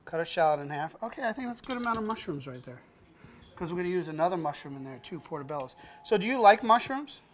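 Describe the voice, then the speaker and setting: Cooking-show host, male, jokey and warm with kids, faint kitchen clatter behind. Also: high-pitched, very animated, fast talker, slight background noise. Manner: joking, laughs often, talks to a child as "buddy". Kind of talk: teaching kids to cook, playful banter.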